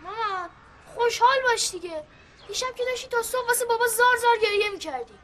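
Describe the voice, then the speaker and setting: A high, coaxing young daughter. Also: female voice, a bit bright. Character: young daughter coaxing her quarreling parents. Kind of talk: comic TV series acting.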